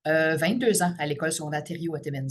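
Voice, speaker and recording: This deep-voiced woman, in her fifties and from Ontario's Ottawa region, heads a teachers' union and is being interviewed for a podcast. She talks with a Franco-Ontarian accent, at a measured pace, often pausing on "euh" or "là."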